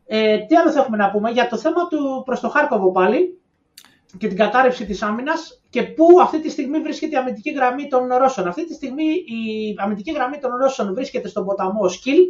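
A woman's voice: a little high, animated. A woman co-hosting a podcast in casual analytical chat, speculating and offering her ideas in a knowing tone. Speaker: podcast co-host. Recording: distant, echoey, dull-sounding mic.

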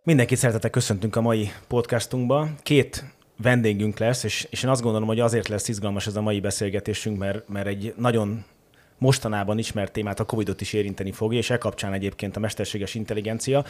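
A man hosting a podcast, introducing his guests in a friendly, slightly halting manner. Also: lowish voice, steady tone, darkish tone, a little hiss or hum. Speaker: podcast host. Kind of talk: welcoming introduction.

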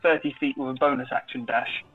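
A man's voice: mid-range voice, fairly even intonation, quick pace, breathy edge, faint music behind. A man chatting casually as a player in a tabletop game, thinking aloud with some hesitation. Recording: thin, phone-like voice call sound.

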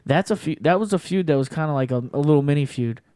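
A man's voice: fairly high pitch, fast talker, warm tone, smooth, no room sound, clean studio sound. A man co-hosting a casual podcast, rambling and swearing as he talks over recent fights. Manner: rambling, profane, laughs often. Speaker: podcast co-host. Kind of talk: casual fight-recap chat.

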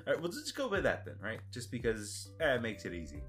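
A man's voice: mid-range voice, wildly swooping pitch, fast, fairly bright tone, soft background music. A man hosting a casual podcast interview, rambling with lots of fillers and asking friendly questions. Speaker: podcast host. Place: lives and works in Russia as a foreigner.

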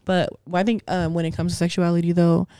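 A woman's voice: fairly low pitch, flat delivery, a little fast, mellow, clean tone, no echo, studio quality. A young woman hosting a podcast, talking in a blunt, profane, opinionated way in casual chat. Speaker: podcast host.

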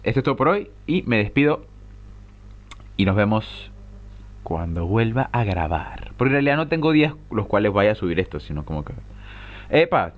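A young man with a Venezuelan Spanish accent, hosting a casual solo podcast, talking in heavy slang, exasperated and full of rhetorical questions. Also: fairly low pitch. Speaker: podcast host.

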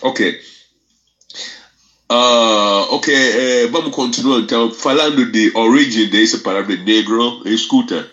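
A man giving a spoken monologue that explains word origins, often checking in with his listener and spelling words out slowly. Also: medium pitch, a bit bright, muffled recording.

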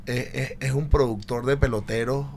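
A man's voice: medium pitch, steady tone, moderate pace, gravelly, a little mellow, slight background noise. A man from Venezuela with a Venezuelan accent, hosting a casual sports podcast and pressing his points emphatically, often repeating them. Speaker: podcast host.

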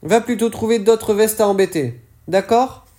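A man's voice: sits high, normal speed, mellow, voice pushed up, lightly acted. A man voicing a bruised, bitter young woman who is curt and weary but caring.

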